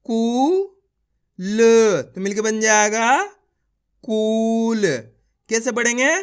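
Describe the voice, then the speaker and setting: This man's voice sits high, with a flat delivery, drawn-out words, and a clean, slightly bright tone. In a lesson for beginning readers, he works through syllables individually, joins them into words, and keeps cheering viewers on while restating his directions.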